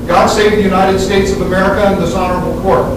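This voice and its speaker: A man's voice: sits high, fairly even intonation, quick pace. A man making a grand, formal ceremonial proclamation as a court crier, projecting his voice in a courtroom. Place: large indoor courtroom. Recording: roomy echoing courtroom, distant mic, heavy noise.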